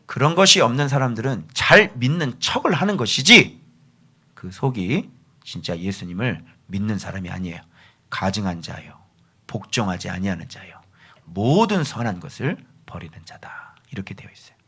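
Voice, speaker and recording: A man preaching a sermon as a pastor. He fires rhetorical questions at his listeners, rising to shouted rebukes and then dropping to hushed, near-whispered lines. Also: on the low side, husky. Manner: rhetorical questions aimed at the congregation.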